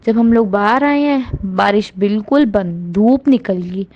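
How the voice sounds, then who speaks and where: A woman telling listeners about her devotional experiences in a casual, earnest and grateful way, often rising with excitement. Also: medium pitch, a little slow, muffled recording. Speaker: devotee sharing a testimony. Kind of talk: casual spoken testimony.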